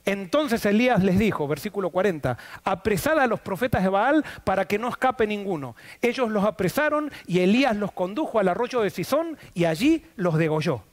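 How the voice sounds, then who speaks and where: Lively high-voiced preacher man. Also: normal speed, hardly any pauses. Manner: asks the congregation questions and answers them. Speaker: pastor. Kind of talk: sermon. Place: church.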